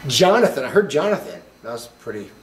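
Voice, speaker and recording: A man's voice: a little high, very animated, a little fast. A rambling host with a slightly raised voice calls out to unseen spirits inside an empty school. His words ring back with a heavy echo off the bare halls. A faint hiss sits under the recording. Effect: heavy echo bouncing around an empty building. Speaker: ghost-hunting host. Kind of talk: casual paranormal investigation vlog.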